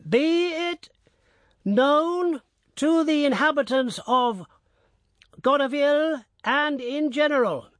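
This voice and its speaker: A man voicing a village town crier who calls out a notice in a jerky voice, pausing in all the wrong places. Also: very high-pitched, animated, fairly bright tone, dry recording, pitched above the performer's own voice, heavily acted. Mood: proclaiming.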